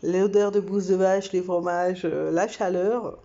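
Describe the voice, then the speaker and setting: At a measured pace and in a lo-fi recording, a young Frenchwoman with a lowish voice chats through a story for her vlog. She laughs often, uses many fillers and swings animatedly.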